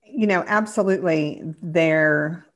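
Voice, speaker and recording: A woman speaking as a guest on a podcast, explaining energy policy in a measured way with frequent ums and restarts. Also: sits low, a bit bright. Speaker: clean energy advocate guest. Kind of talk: casual podcast interview.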